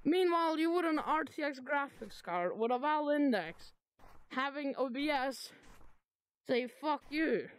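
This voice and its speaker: A woman's voice: sits high, lively intonation, measured pace. A woman livestreaming and chatting casually, bragging and swearing while teasing a friend. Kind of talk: casual gaming stream chat.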